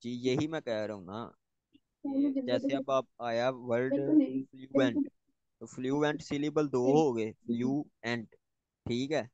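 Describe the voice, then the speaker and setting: A man's voice: mid-range voice, very animated, measured pace, darkish tone, no room sound, lo-fi sound. A man, a student thinking aloud and asking a teacher questions about grammar. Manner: hesitant, thinks aloud, restarts.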